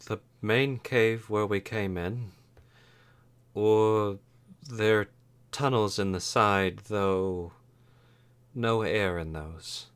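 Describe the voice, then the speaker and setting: A low-voiced man works as game master at a tabletop game. His tone is bright and forceful, and he describes scenes casually at an unhurried pace. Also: clear, resonant tone.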